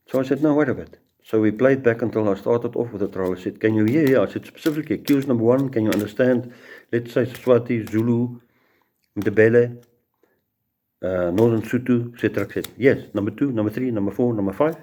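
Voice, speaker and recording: In a mellow, medium-pitched voice and a fairly quick tempo, a middle-aged South African judge with an Afrikaans accent lectures informally on law. He tells plenty of courtroom stories, restarting sentences and repeating words as he goes.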